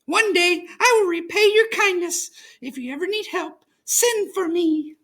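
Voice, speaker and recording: A man's voice: unhurried, fairly bright tone, heavily acted. A man voicing a tiny, timid, polite female mouse in a small, earnest voice for a children's storybook. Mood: relieved, grateful. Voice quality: small high voice. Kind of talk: children's storybook read-aloud.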